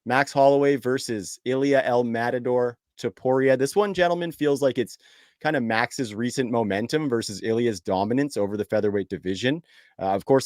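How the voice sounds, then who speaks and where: A man's voice: fairly low pitch, dry recording, studio quality. A young Canadian man in his late twenties or early thirties, hosting a casual sports podcast in an upbeat, chatty way and laughing easily. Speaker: podcast host.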